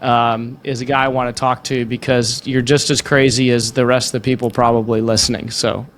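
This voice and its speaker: A man hosting a podcast conversationally, informal and joking, with a halting delivery. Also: mid-range voice, flat delivery, fairly bright tone, slight background noise. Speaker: podcast host.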